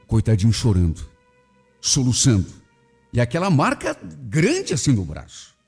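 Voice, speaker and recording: A man's voice: mid-range voice, wildly swooping pitch, unhurried, creaky, a little mellow, husky, soft background music. A man hosting a radio show, reading a listener's story in the first person with emotional, indignant delivery. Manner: emotional, swinging between indignation and pity.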